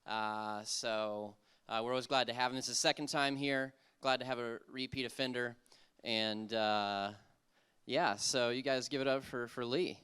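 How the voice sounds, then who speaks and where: Smooth-voiced man introducing a speaker. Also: medium pitch, normal speed. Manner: relaxed, friendly, a bit hesitant. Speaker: meetup organizer introducing the speaker. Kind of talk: casual introduction.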